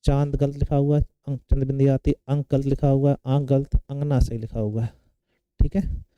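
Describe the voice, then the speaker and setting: Male tutor, very dark and smooth voice, drills exam questions with repeated check-ins. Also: medium pitch, flat delivery, normal speed, dry recording, muffled recording. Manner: asks and answers his own questions, repeats key terms. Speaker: Hindi grammar teacher. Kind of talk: exam-prep lecture.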